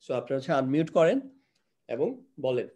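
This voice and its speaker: A man's voice: medium pitch, fairly quick, dark tone. A man teaching Quranic Arabic grammar in a live online class. He explains each example patiently, step by step, mixes in English terms, and quizzes his students by repeating their answers back to them.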